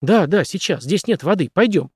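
Male reader as a worried good-natured young guy, urgent and rough-spoken, higher pitch. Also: lively intonation, moderate pace, a little mellow, no room sound, studio quality, heavily acted. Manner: urgent, pleading, rough colloquial. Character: big kind-hearted young man, anxious.

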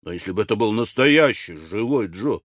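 Guy playing a calm scheming young fella, low and measured, hushed, dry sound. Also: dry recording, natural voice. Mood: coaxing. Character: scheming level-headed young man. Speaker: audiobook character. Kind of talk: audiobook character reading.

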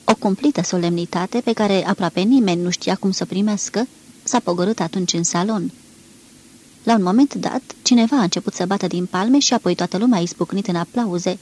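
A woman narrating a literary novel aloud in a measured, expressive reading, with a husky voice. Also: mid-range voice. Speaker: audiobook reader.

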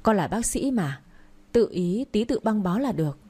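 A woman's voice: mid-range voice, sing-song, normal speed, mellow, slightly rough. A woman reading the part of a stubborn young man, a village doctor, insisting and pleading with his father. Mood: teasing.

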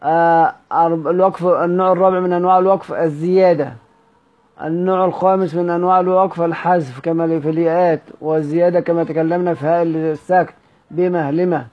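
Egyptian guy teaching recitation, kinda high voice, dull lo-fi sound, keeps asking "what?" to quiz ya. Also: steady tone, fast. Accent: Egyptian Arabic. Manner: repeats key words, quizzes listeners with rhetorical questions. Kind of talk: Egyptian Arabic lesson on recitation rules.

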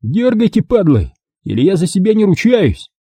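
A man's voice: high voice, very animated, moderate pace, mellow, slightly rough, dry recording, studio quality, voice pushed up, heavily acted. A man voicing a coarse, cornered male former diver who snarls curses and then begs for mercy, in an audiobook reading. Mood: snarling.

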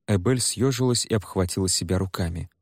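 A man narrating an audiobook in an expressive, dramatic way. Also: sits low, fairly quick, husky, dry recording, clean studio sound.

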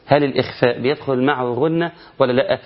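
Egyptian-accented male tajweed teacher, fast and animated, self-questioning delivery, slightly muffled lo-fi recording. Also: medium pitch. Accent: Egyptian Arabic. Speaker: Quran recitation teacher. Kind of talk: colloquial recitation lesson.

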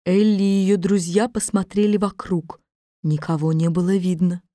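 A woman narrating a children's fairy-tale book in a measured, expressive reading voice. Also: on the low side, no room sound, clean studio sound. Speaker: audiobook narrator. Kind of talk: scripted storybook narration.

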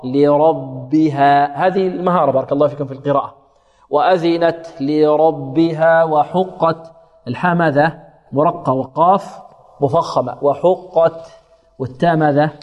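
Guy teaching quran recitation, kinda high voice, asks stuff and answers it, drags words out slow, long echo. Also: muffled recording. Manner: asks questions and supplies answers, repeats words slowly to demonstrate. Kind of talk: tajweed lesson with demonstrated recitation.

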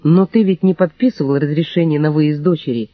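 A man voicing a sharp mocking young woman. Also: a little high, a little fast, dry recording, phone-quality sound, close to an everyday voice. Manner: sarcastic, combative.

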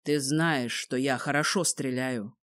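A woman putting on a low, menacing gunman. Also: a little slow, no echo, clean studio sound. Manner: low, steady, threatening. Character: cool armed man, calm and menacing.

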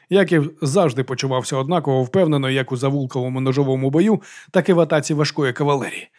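A man narrating a fantasy audiobook in a brisk, tense storytelling manner. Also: fairly high pitch, a little mellow.

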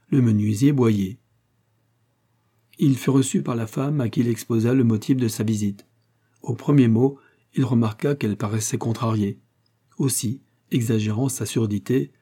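A man narrating a detective novel in a measured, even storytelling voice. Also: lowish voice, breathy edge. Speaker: audiobook narrator.

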